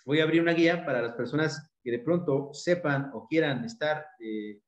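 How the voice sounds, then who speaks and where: A man's voice: a little high, moderate pace, reverberant, highs cut off. A man with a Mexican accent teaching an online exam-prep lesson, explaining step by step and repeating key points. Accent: Mexican Spanish.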